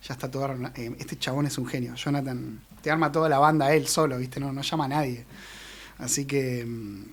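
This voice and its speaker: An Argentine man in his forties, a musician guest chatting casually with relaxed slang and fillers in a radio studio. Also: mid-range voice, fairly quick. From Argentine Patagonia. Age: 40s. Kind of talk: casual interview chat.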